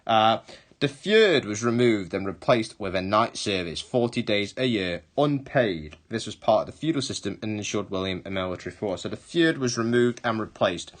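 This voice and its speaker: A man's voice: lowish voice, expressive, normal speed. A male history teacher giving a recorded online lesson, explaining step by step, rephrasing and correcting himself as he goes.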